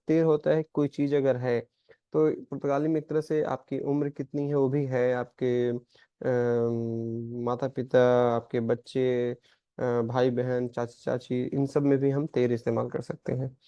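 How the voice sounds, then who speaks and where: Man, language teacher, recorded lesson, mellow voice, dry close sound, slow readings. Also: medium pitch, no echo. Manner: explains in Hindi, reads out Portuguese examples slowly. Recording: dry, slightly dull lo-fi sound.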